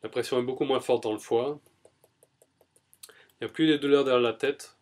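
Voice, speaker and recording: A man doing an EFT tapping self-demonstration, speaking in short, repeated first-person statements that are emphatic and exasperated at first and softer later. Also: mid-range voice, steady tone, moderate pace. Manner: softer and more settled. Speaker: EFT practitioner.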